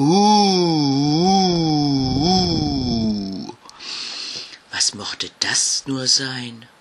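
A man reading a German children's bedtime story aloud, slow and expressive. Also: medium pitch, a little hiss or hum.

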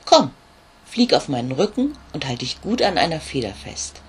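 A storyteller voicing a big, friendly male raven who croaks and speaks in a kindly, obliging way. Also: medium pitch, big pitch swings, normal speed.

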